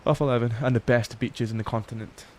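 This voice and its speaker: A man's voice: mid-range voice, steady tone, fast talker, slight background noise. A tired young man casually chatting on a livestream, reading chat aloud and swearing often. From Scotland. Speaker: livestream host. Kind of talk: casual late-night stream chat.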